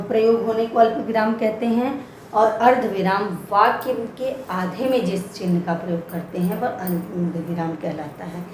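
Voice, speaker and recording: A woman teaching a grammar lesson for children, speaking slowly and patiently and repeating each example word one at a time. Her voice sits at an ordinary pitch for a woman. The recording is echoey, with faint noise behind it. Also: darkish tone.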